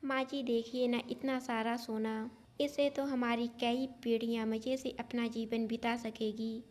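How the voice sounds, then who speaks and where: Woman reading as a sly greedy young woman in a story, wheedling, high-ish. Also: little pitch movement, measured pace, a little mellow, close to an everyday voice. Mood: gleeful. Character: scheming young sister-in-law, sly and greedy.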